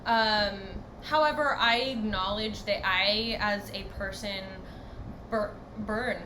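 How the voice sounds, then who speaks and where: A young woman co-hosts a casual podcast, speaking earnestly and thoughtfully. Her voice bounces around an echoey room, and clear background noise sits under it. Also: medium pitch, steady tone, takes it slowly. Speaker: podcast co-host. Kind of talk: casual chat. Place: home, far from the other host.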